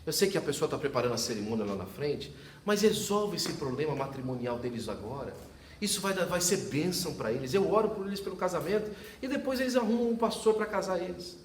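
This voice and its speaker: A man's voice: a little high, expressive, quick pace, slight background noise. A man preaching a sermon as pastor, telling a story and acting out the dialogue, laughing often. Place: church service. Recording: echoey church from a distance.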